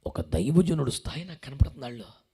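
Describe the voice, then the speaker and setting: A man's voice: medium pitch, sing-song, quick pace, mellow, breathy edge. A man preaching a sermon as a pastor, firing rhetorical questions at the congregation and repeating phrases for emphasis. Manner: emphatic repetition.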